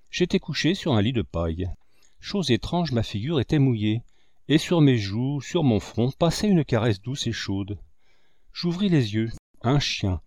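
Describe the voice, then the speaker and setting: A man reading a classic novel aloud as an audiobook narrator, in an expressive manner. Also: no room sound. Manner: expressive, with a wide pitch range.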